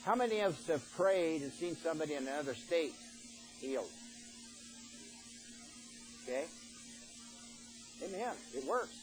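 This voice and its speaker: A man's voice: a little high, animated, unhurried, long pauses, music in the background, rough recording. An older man preaching a sermon in a folksy, plain-spoken way, reading scripture aloud and then explaining it.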